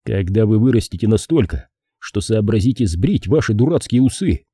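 A man's voice: on the low side, animated, moderate pace, dark tone, slightly rough, no room sound. A man voicing a sardonic, hard-drinking male private detective with a dry, mocking manner, in an audiobook reading. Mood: gruff, sardonic.

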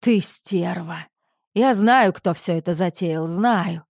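Woman doing a pompous producer guy losing it, ranting high and shrill. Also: slow pace, gravelly, no echo, studio quality, full character voice. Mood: hysterical. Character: hysterical pompous middle-aged male film producer.

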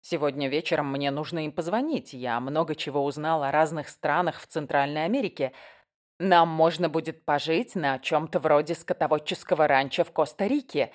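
A woman's voice: low voice, moderate pace, close to an everyday voice. A woman reading the part of a restless husband, talking eagerly about travel plans in an audiobook. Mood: enthusiastic. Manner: eager, matter-of-fact planning.

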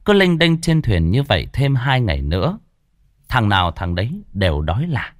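A man narrating a horror story in a dramatic, expressive storytelling manner. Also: mid-range voice, moderate pace, no echo, studio quality.

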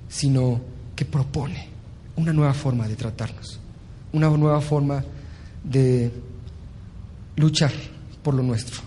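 A man giving a motivational talk, animated and acting out little scenes as he teaches. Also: on the high side, slight background noise. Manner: animated, acts out stories with voices. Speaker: motivational speaker.

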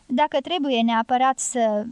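A woman reading an audiobook, voicing a quiet, restrained American man with terse, subdued lines. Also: a little high, clear, resonant tone, no room sound, close to an everyday voice. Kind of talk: audiobook character voice.

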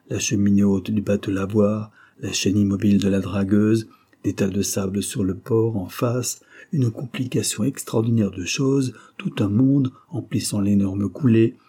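A man narrating a classic French novel as an audiobook, in a measured, descriptive reading. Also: lowish voice, dark tone, breathy edge. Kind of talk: scripted literary narration.

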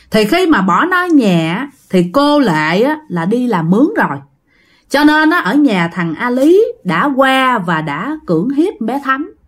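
A woman telling a ghost story in a chatty way, often addressing her listeners. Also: a little high.

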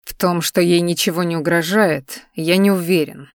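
A woman's voice: fairly low pitch, steady tone, no echo, studio quality, natural voice. A woman doing Zoloto, a seething protective man. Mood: threatening. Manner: slow speech through gritted teeth. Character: protective, hot-tempered young man.

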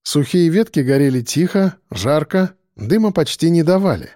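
A man narrating an audiobook in a measured, steady manner. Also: a little high, no echo, clean studio sound.

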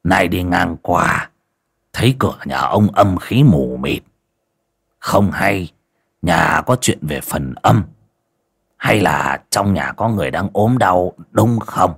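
A man voicing a raspy, arrogant old sorcerer in a spoken folk tale. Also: deep voice, lively intonation, takes it slowly, full character voice. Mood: haughty. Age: older. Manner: smug, haughty.

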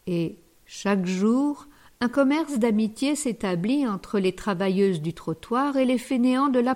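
Slow, measured woman audiobook narrator. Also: on the high side, darkish tone. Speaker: audiobook reader. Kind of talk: scripted narration.

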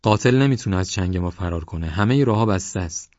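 A man's voice: low-pitched, expressive, a little mellow, no room sound, dull audio. A man voicing a bossy, angry rural police sergeant who barks orders in an audiobook. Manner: barking orders, harsh. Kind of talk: audiobook character voice.

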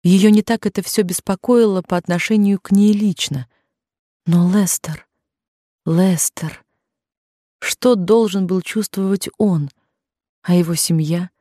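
A woman narrating an audiobook in a measured, even-paced reading. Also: mid-range voice, no echo, studio quality.

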